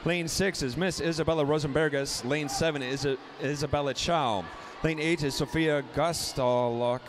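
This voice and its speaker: Male swim meet announcer, slightly higher voice, brisk roll-call delivery, faint noise behind. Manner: rapid lane-by-lane roll call, rising excitement on close finishes.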